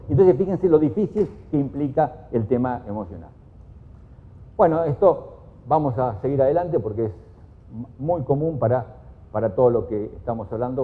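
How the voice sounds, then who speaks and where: A man with an Argentine Spanish accent giving a lively conference talk, jumping to loud, raised voices when he quotes people. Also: fairly high pitch. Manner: animated, jumps to shouts when quoting people. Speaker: conference speaker. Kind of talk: lively lecture with acted quotes. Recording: echoey hall on a thin, phone-like sound.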